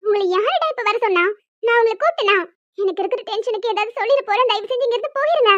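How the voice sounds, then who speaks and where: Woman voicing a snappy young cartoon wife, curt and short-tempered, very high pitch, muffled sound. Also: lively intonation, very fast, fairly bright tone, dry recording. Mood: irritated. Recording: dull lo-fi recording.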